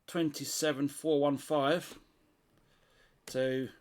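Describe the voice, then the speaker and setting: Taking it slowly, a middle-aged British man with a slightly high voice and fairly even intonation presents a casual CB radio demonstration. He tests things by hand and thinks aloud, speaking without a script.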